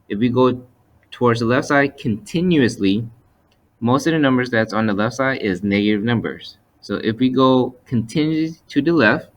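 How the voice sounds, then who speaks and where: Methodical male math teacher, mid-pitched. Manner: methodical, explanatory, repeats points. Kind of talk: step-by-step lesson narration over slides. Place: voice-over for a screen recording.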